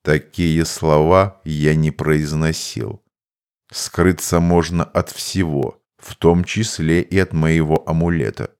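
A man voicing a deep, slow cryptic mage. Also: steady tone, a little mellow, clean tone, heavily acted. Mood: explaining. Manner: measured, unhurried, matter-of-fact. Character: calm, cryptic male mage, low and slow. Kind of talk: audiobook character voice.

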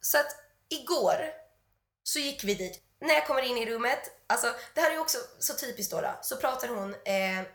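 A woman hosting a podcast who tells stories animatedly, acting out the dialogue as she goes. Her voice sits fairly high and sounds croaky and gravelly, with a stuffy nose. She is recorded in an echoey room. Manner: animated storytelling, full of quoted dialogue. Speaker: podcast host. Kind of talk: casual chat.

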